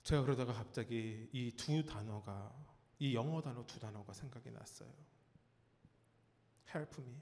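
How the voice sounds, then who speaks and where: A man preaching a sermon as pastor, telling a story with lively acted-out cries and asking his congregation questions. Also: mid-range voice, normal speed, few pauses, in a large hall. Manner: animated storytelling, acts out cries and quotes. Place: church sanctuary.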